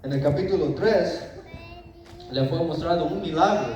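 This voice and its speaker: Conversational preacher in an echoey church hall. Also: male voice, a little high, moderate pace, darkish tone. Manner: conversational, acts out the king's lines, tag questions. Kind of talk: informal Bible lesson to a congregation. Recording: echoey hall, voice from far off, background noise.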